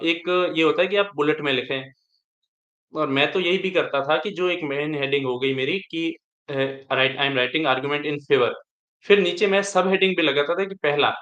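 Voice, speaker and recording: Young guy coaching on exam answers, kinda high voice, roomy echo. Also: fairly bright tone. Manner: explanatory, repeats and restarts while advising. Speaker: exam topper sharing tips. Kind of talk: live online interaction. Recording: echoey room.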